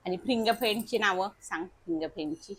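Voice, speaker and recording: A woman's voice: medium pitch, brisk, fairly bright tone, a little hiss or hum. A young woman, chatting casually through a family vlog at home and coaxing her child along. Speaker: vlogger and mother.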